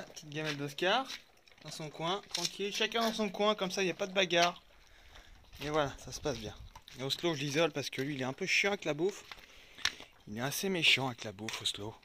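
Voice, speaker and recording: A man's voice: a little high, noisy background. A man from France vlogging outdoors by a lake, chatting casually to his viewers and to his dogs. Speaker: van-life vlogger. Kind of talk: casual vlog chat.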